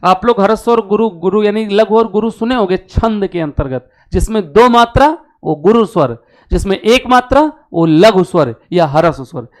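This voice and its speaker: Male language tutor, exam-prep lecture, smooth clear voice, asks and answers his own questions. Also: sits high, lively intonation, normal speed. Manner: repeats key terms for emphasis. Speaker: Hindi teacher.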